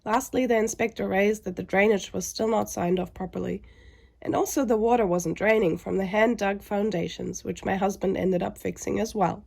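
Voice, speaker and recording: A woman's voice: medium pitch, fairly even intonation, normal speed, gravelly, darkish tone, breathy edge. A woman sounding under the weather and weary, narrating a scripted vlog with frustration.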